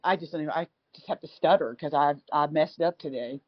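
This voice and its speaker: A woman's voice: deep voice, quick pace. A woman joining a sports show as a guest reporter, chatting casually, stammering and laughing at herself. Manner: self-deprecating, stammering, laughing. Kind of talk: casual call-in chat. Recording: dull lo-fi line.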